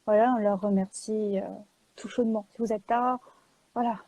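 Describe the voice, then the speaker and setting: A woman publisher and illustrator talking in a live video chat, lively and joking, filling gaps with small words. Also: medium pitch, normal speed, no room sound, rough recording. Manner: lively and joking, with many fillers.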